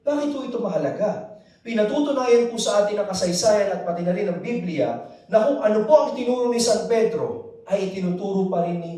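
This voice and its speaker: A fairly high-voiced man with a Filipino accent tells his faith story to a crowd in a big hall, animated and easily mixing Tagalog with English. He keeps asking the crowd to answer back. His voice booms around the very echoey room, picked up from a distant mic. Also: brisk. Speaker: faith talk speaker. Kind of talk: personal testimony to a live audience. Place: large hall with a live audience.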